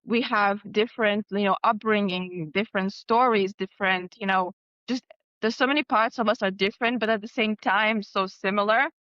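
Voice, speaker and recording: This podcast guest and co-author from Lithuania talks at a normal speed in a steady, mid-range voice, warmly and with frequent laughter. Her casual speech is full of fillers such as "like." The recording sounds muffled but has no echo.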